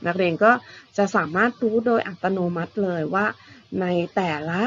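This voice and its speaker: A woman's voice: medium pitch, normal speed, fairly bright tone, lo-fi sound, a little hiss or hum. Patient woman teaching young pupils. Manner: patient, repetitive, ending phrases with polite particles. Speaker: primary school math teacher. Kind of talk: online lesson explaining to young pupils.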